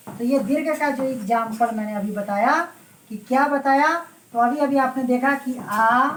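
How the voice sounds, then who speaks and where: Recorded at a distance with a roomy echo and a little hiss or hum, a woman with a high-sitting voice teaches Hindi grammar for exams. She repeats herself as she goes, regularly confirms her students are keeping up, and addresses them with fondness. It's a classroom lecture setting.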